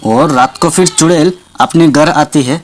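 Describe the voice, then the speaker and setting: A man's voice: on the high side, a little slow. A man narrating a homemade toy doll story in a simple, chatty way, as the channel host.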